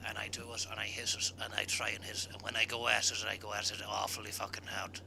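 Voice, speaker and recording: A man putting on a gruff, boastful singer's voice, muttering low and half-whispering with swearing. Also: flat delivery, quick pace, background noise. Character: gruff male lounge singer, mock-proud and boastful.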